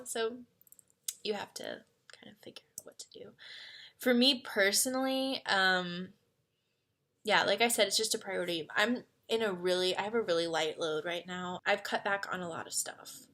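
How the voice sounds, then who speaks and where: A woman in her twenties chatting casually as a vlogger answering fan questions, full of "like" fillers, moving between excited and quiet, earnest talk. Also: medium pitch. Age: 20s. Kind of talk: casual chat.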